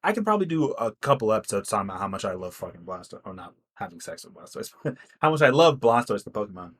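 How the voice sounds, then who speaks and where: Animated young man, swearing podcast co-host. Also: fairly low pitch, fast talker. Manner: animated, swears freely, rambling. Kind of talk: casual chat.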